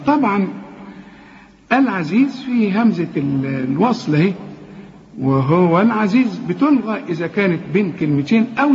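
A man with an Egyptian accent teaching a Quran recitation lesson, patiently explaining rules and slowly repeating each word to demonstrate it. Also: on the high side, slight background noise. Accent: Egyptian Arabic. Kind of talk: tajweed lesson with recited examples. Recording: reverberant, slightly dull recording.

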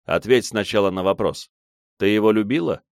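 A man voicing a young clan head who speaks in a flat, indifferent, commanding tone. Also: lowish voice, normal speed, gravelly, dry recording, clean studio sound. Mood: cold. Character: cold young male clan head, calm, steely.

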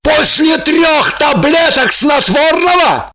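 A woman voicing a hungry, indignant grown man who is hiding from a husband, speaking loudly and theatrically. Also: lowish voice, slow. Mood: outraged. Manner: loud, outraged, theatrical.

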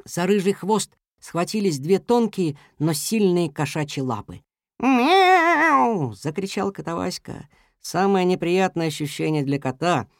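A narrator reading a children's story aloud in an even, gentle manner. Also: mid-range voice, no room sound, clean studio sound.

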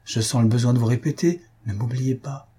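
A man voicing a devoted young baron who speaks gently and earnestly. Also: medium pitch, brisk, slightly rough, natural voice. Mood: tender.

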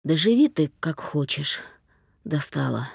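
A woman's voice: animated, a little slow, vocal fry, husky, dry recording, studio quality, full character voice. A woman voicing an irritable middle-aged father who talks down to his daughter, in an audiobook. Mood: weary. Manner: low, contemptuous, curt.

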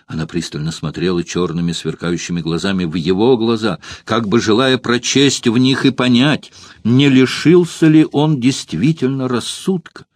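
Low-voiced man reading a historical novel. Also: no echo, studio quality. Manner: emotive, dramatic reading. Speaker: audiobook narrator. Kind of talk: literary audiobook reading.

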